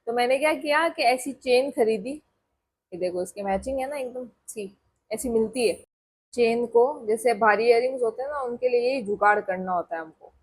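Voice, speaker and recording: Chatty young woman vlogger, husky voice. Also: fairly high pitch, normal speed. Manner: chatty, rambling, addresses viewers as guys. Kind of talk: casual chat to camera.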